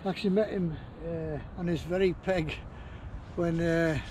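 A man's voice: fairly high pitch, steady tone, measured pace, very noisy. A man vlogging a fishing trip from a riverbank, chatting casually and rambling with fillers. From northern England. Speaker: angling vlogger. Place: riverbank outdoors. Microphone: action camera.

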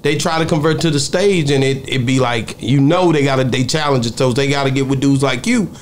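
A man's voice: mid-range voice, brisk, slight background noise. A middle-aged man hosting a podcast, eagerly affirming his guest and asking loose questions on a studio mic. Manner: eager, affirming, lots of yeahs. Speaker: podcast host. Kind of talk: casual interview chat. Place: podcast studio with logo backdrop. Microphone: studio mic with headphones.

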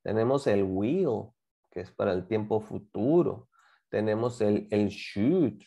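Slow, lively male language teacher. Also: lowish voice, vocal fry. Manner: patient, asks students to help, repeats examples. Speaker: English teacher. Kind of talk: online class explanation.

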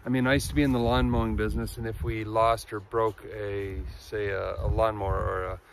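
Forties man, gravelly, rambling handheld vlog outdoors, noisy. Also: lowish voice, flat delivery, brisk. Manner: rambling, restarts, frustrated. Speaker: family travel vlogger. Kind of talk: casual vlog talk to camera. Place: outdoors on a forest road and woods. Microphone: phone held at arm's length.

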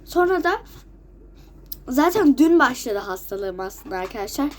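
A teenage girl, just out of bed at home and sick with a cold, chats casually to camera for her friends, coughing and runny-nosed. Her voice sits high and is very animated, though a little slow, and she repeats herself a lot.

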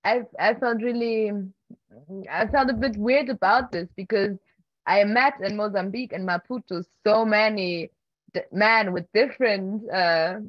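A woman with a mid-range voice speaks at a measured pace, with no echo, over a muffled laptop webcam on a video call. She's a filmmaker and keynote guest answering Q&A questions conversationally from a home room with wooden beams, sounding hesitant, full of fillers and restarts, with soft laughs.

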